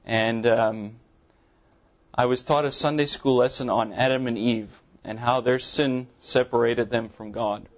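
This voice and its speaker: A South African man in his thirties, a native Afrikaans speaker whose English carries a mild Afrikaans accent, gives his testimony from a church pulpit as a visiting pastor addressing the congregation. He speaks earnestly but haltingly, with many ums, at a medium pitch and fairly even intonation. The audio in the sanctuary sounds dull.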